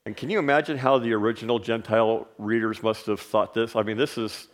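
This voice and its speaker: This man, not a native English speaker, has a voice on the low side and moves briskly through a relaxed Bible lesson. He relies on many fillers and frequently checks understanding with "right?"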